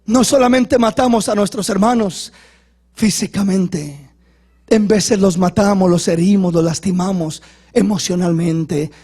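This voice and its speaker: A male pastor preaching a fervent sermon, shouting lines and then dropping suddenly to a low hush. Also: unhurried, slightly rough.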